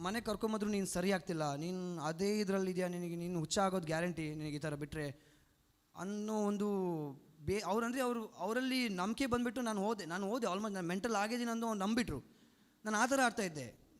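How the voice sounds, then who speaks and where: A young man giving an earnest, emotional personal testimony at a church retreat, often restarting his sentences. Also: high voice. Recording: long hall reverb.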